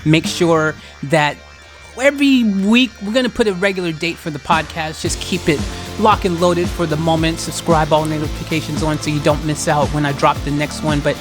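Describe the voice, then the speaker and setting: An American podcast host giving chatty, excitable live reaction commentary and talking straight to listeners. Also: mid-range voice, normal speed, music in the background.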